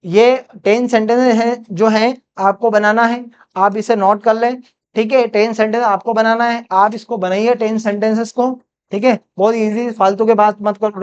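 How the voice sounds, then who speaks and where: A woman with an Indian accent teaching spoken English, drilling phrases slowly and asking her students questions. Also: medium pitch, darkish tone, clear, resonant tone. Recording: dull lo-fi sound.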